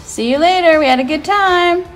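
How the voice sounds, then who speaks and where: A middle-aged woman chatting casually through a family travel vlog, relaxed and upbeat, filming on a phone. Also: very high-pitched, moderate pace. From Canada. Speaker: family vlogger. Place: outdoors and in a car on a road trip. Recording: music playing under the voice.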